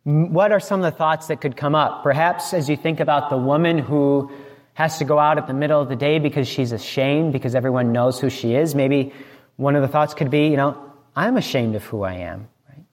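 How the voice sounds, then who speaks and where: A male priest giving a sermon in a relaxed, conversational way, often checking in with "right?". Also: a little high, fairly quick. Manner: conversational, frequently asks "right?". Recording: long reverb in a large hall.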